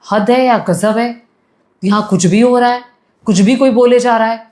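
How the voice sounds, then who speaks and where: A woman's voice: a little high, moderate pace, darkish tone. A woman news commentator delivering opinion commentary, indignant and firing rhetorical questions at the audience.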